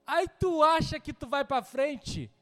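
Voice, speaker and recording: A man's voice: extremely high pitch, animated, slow pace, big-room sound. A man with a Brazilian Portuguese accent preaching a sermon in a church, telling a personal story with humor and acting out the dialogue. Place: church hall.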